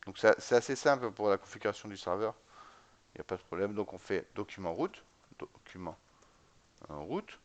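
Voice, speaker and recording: A man's voice: on the low side, quick pace. A man giving a casual step-by-step tutorial on setting up a web server, spelling out commands letter by letter and often checking in with the viewer. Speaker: tutorial instructor. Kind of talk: screen-recorded command-line tutorial.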